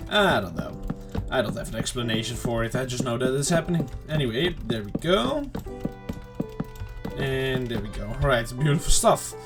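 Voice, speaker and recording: A gaming channel host with a medium-pitched, sing-song voice and a scratchy throat chats at a normal speed over background music. He rambles to his viewers in casual let's-play commentary, often clearing his slightly off throat.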